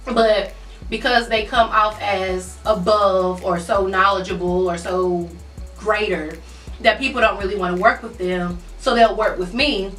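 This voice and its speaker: A woman's voice: mid-range voice, fairly even intonation, a little slow, a bit bright. A woman in casual conversation, chewing while talking. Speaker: mukbang co-host. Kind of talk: casual chat. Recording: echoey room, distant mic, faint music.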